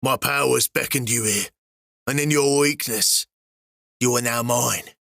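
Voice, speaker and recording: A man voicing a booming cruel dwarf king. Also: vocal fry, sharp tone, no room sound, studio quality. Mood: gloating. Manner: booming, slow, grandly commanding. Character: proud cruel dwarf king, loud commanding ruler.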